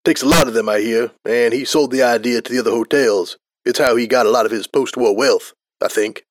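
A man's voice: mid-range voice, a little fast, dry recording, natural voice. A man voicing a chatty male pony soldier captain who explains things in an offhand, rambling way.

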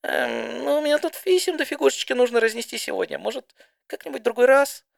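A squeaky, flustered young mare. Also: male voice, expressive, fairly quick, vocal fry, no room sound, studio quality, full character voice. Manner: hesitant, high and squeaky. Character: shy, scatterbrained young mare mail pony. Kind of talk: fan audiobook voice acting.

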